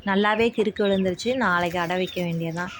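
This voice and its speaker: A woman's voice: lowish voice, steady tone, quick pace. A middle-aged woman, chatting in a casual home vlog as she feeds and talks fondly to her hens at a backyard coop. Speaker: vlogger. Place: backyard chicken coop outdoors. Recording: loud outdoor noise from poultry. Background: clucking chickens and crowing roosters.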